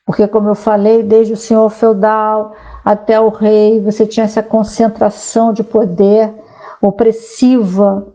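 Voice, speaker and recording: A woman's voice: mid-range voice, flat delivery, a little slow, mellow, poor audio. A woman sociologist talking casually to viewers, explaining ideas and reading aloud from a website, with frequent tag questions. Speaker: sociologist commentator.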